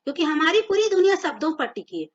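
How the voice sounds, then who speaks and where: A woman's voice: high-pitched, sing-song, fast. A woman teaching a grammar lesson to children, patiently spelling out words letter by letter. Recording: dull lo-fi audio.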